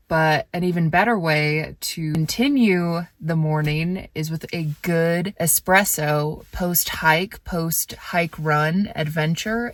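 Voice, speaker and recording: A woman's voice: sits low, no echo. A woman vlogger narrating her outdoor adventure in a casual way.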